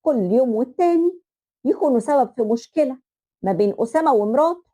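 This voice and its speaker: A woman's voice: high-pitched, expressive, quick pace, dark tone, husky. A woman with an Egyptian accent narrating a family story in the first person, confiding directly to her listeners.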